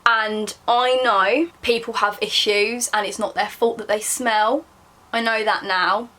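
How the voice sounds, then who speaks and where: A woman's voice: medium pitch, fairly even intonation, unhurried, sharp tone. A young woman with a southern English accent reads her diary aloud casually, embarrassed and self-mocking, breaking off for chatty asides. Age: young adult. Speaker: vlogger.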